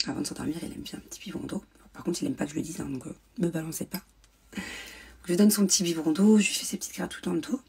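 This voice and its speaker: A woman's voice: low-pitched, fairly even intonation, rapid-fire, gravelly, warm tone, breathy edge. A young woman telling a personal story in a vlog, hesitant with many fillers and restarts. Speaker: mother vlogger. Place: indoors at home, ring light.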